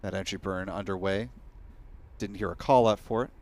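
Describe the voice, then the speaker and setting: Low, even-toned male launch commentator. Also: moderate pace. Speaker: live launch broadcast commentator. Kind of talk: measured live commentary.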